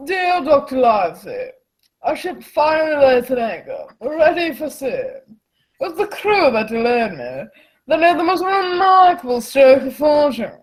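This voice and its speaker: A woman playing an excitable, self-important gentleman squire in a radio play, pompous and blustering. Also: high-pitched, measured pace, poor audio. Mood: pleased, boastful.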